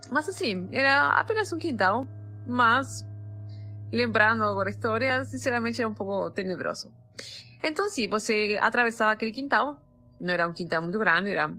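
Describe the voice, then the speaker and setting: A woman's voice: on the low side, bright, forceful tone. Argentine woman telling a story, hesitant. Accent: Argentine Spanish. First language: Spanish. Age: 30s. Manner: hesitant, many fillers and restarts. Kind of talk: voice-message storytelling.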